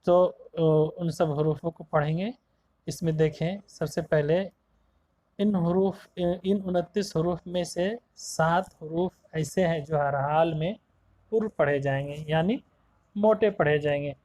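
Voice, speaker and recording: A man teaching a tajweed lesson to young children, explaining each term, repeating it slowly and sounding out single Arabic letters one by one. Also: fairly high pitch, fairly even intonation, a little mellow, no echo, rough recording. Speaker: Quran teacher.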